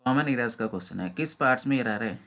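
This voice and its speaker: A man with an Indian accent teaching an exam prep lesson, reading English questions out slowly and explaining them in Hindi. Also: mid-range voice, expressive, a bit bright.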